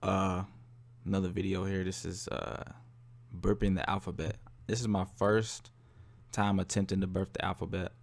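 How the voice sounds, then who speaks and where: A man's voice: low-pitched, little pitch movement, moderate pace, creaky. An American man talking casually to viewers as a video creator, in a slangy, laid-back way. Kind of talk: casual challenge vlog.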